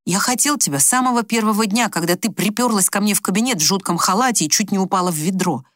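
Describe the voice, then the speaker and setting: A woman's voice: mid-range voice, fast talker, a bit bright, no room sound, close to an everyday voice. A woman reading an audiobook, voicing a dry-joking male doctor husband who talks to his wife steadily and reassuringly. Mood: tender, earnest. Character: wry, teasing male doctor husband, patient and calm.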